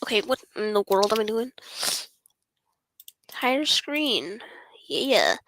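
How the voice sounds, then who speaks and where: Woman streamer, jokey self-talk with frequent whispers; bright, close and dry. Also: a little high, big pitch swings, takes it slowly, no room sound. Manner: chatty, talks to herself, drops into whispers. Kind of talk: casual gameplay commentary.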